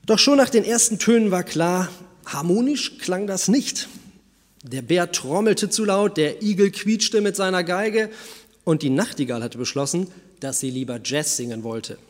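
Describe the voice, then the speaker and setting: A man preaching a sermon, first telling a fable in a calm storytelling manner and then speaking to the congregation. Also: high-pitched. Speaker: pastor. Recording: long church reverb.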